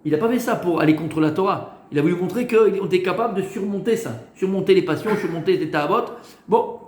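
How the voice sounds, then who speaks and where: A rabbi teaching a Torah class to students, posing questions and answering them himself, with hesitant fillers and repeated words. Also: male voice, sits high, fairly quick, a little mellow, echoey room.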